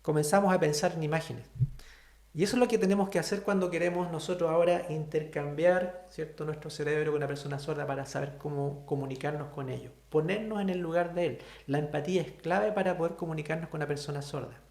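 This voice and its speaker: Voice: mid-range voice, fast talker, darkish tone. Patient teacher in a roomy space. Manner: patient, explanatory, often checks in with "¿cierto?". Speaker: sign language teacher. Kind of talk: online class explanation.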